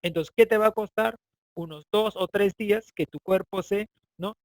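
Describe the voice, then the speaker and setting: Middle-aged Peruvian male teacher, high-pitched, chatty, keeps checking in with students; dry, close recording. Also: moderate pace, dry recording, poor audio. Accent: Peruvian Spanish. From Peru, Andean highlands. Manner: chatty, asks students for agreement. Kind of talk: online class lecture.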